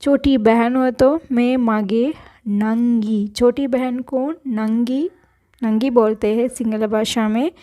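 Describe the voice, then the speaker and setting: A woman's voice: on the high side, steady tone, slow pace, mellow. A woman teaching a spoken language lesson, patiently repeating each word and correcting pronunciation.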